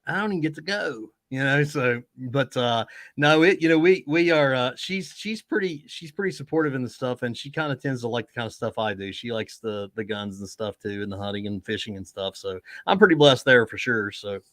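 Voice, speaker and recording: A man in his forties hosts a relaxed conversation, speaking at a middle pitch. He talks in an easygoing way, often stopping to restart his sentences, and the recording is dry. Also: a little fast, dry recording. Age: 40s. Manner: easygoing, many fillers and restarts. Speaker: host. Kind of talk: casual chat.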